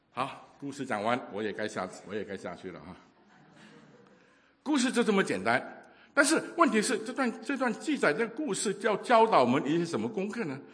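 Animated male preacher in a reverberant hall. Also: mid-range voice. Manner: animated storytelling, acting out voices, many hesitations. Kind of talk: sermon.

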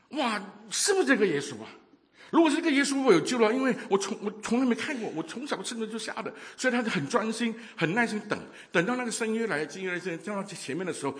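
A man preaching a sermon, telling a story with lively acted-out voices and many hesitations. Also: very high-pitched, big-room sound.

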